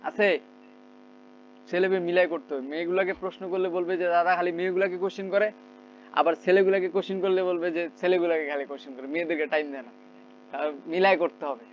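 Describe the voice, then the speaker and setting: High-voiced man teaching English drills. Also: fairly even intonation, fast. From Bangladesh. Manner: corrective, drilling students to repeat. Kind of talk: online spoken English class. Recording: slightly muffled, faint background noise.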